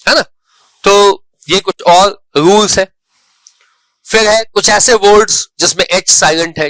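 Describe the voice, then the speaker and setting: A man's voice: high voice, pushed and bright, dry recording. A man giving an online English spelling lesson, repeating example words and checking in often. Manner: explains slowly, repeats words, checks in with "right". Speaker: English teacher.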